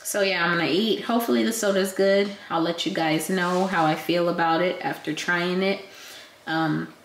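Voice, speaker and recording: A young woman talks to her vlog camera in a relaxed, rambling way, her voice a little raspy and hoarse as she gets over being sick. She sits on the lower side of the pitch range, with plenty of ums between her thoughts. The sound bounces around an echoey room, with a faint hiss underneath. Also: moderate pace. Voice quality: slightly raspy. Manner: chatty, relaxed, frequent ums. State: recovering from illness, a bit hoarse. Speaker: vlogger. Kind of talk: casual vlog chat to camera. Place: at home, indoors.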